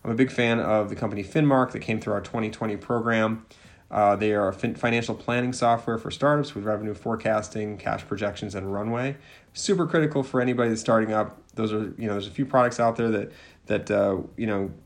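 A man with a fairly low voice runs through announcements and sponsor spots for his podcast. His delivery is upbeat and promotional, with a few restarts here and there. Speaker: podcast host.

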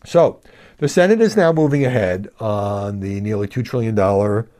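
A man's voice: lowish voice, lively intonation, moderate pace, dark tone. A middle-aged man from Brooklyn hosting a news media show, giving emphatic, conversational commentary. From Brooklyn, New York.

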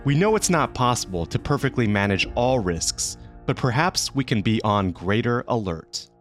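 A man's voice: medium pitch, big pitch swings, moderate pace, faint music behind. A man hosting a podcast with scripted narration. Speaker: podcast host.

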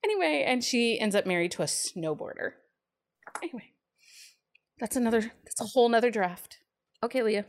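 A woman's voice: a little high, animated, normal speed, long pauses. A woman co-hosting a casual book chat among friends, gushing with enthusiasm as she recommends her favorite reads. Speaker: podcast co-host pitching a book pick.

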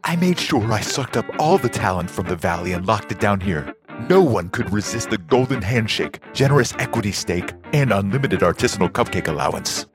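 A man's voice: fairly low pitch, lively intonation, brisk, close to an everyday voice. An actor playing a gloating male villain colonel in a retro radio-serial parody, with theatrical cackling delivery. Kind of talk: old-time radio serial acting. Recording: music playing behind.

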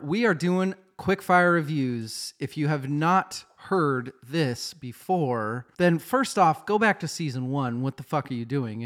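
Joking podcast host, man, higher voice. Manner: joking, profane, animated. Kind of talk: casual chat.

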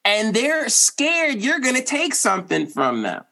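A man's voice: very high voice, wildly swooping pitch, unhurried, gravelly, sharp tone. A man talking casually and emphatically, making his points by acting out imagined quotes in everyday speech. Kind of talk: casual animated conversation.

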